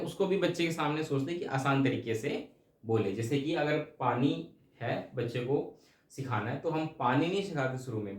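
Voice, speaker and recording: With a fairly high voice in a roomy-sounding space, a male teacher runs an exam-prep lecture. He explains things, repeats each point, and keeps checking in with his students.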